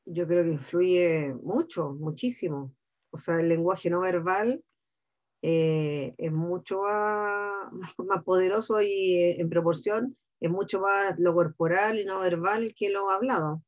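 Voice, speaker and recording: A woman's voice: fairly low pitch, steady tone, slow. Woman explaining, muffled call audio. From Chile. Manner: explanatory, peppers speech with "¿ya?" and "te fijas". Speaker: actress and invited panelist. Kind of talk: conversational panel talk.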